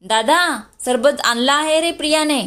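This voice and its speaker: A woman voicing a gentle young husband in a storybook reading. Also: high-pitched, measured pace, pitched above the performer's own voice.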